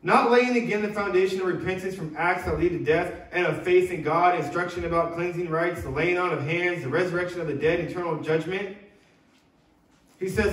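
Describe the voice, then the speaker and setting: A high-voiced man delivers an earnest sermon to his congregation, often breaking off and restarting his sentences. He sounds some way from the microphone in a church sanctuary, and his voice rings around the room. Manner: earnest preaching with many restarts. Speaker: pastor. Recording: echoey church room from far off.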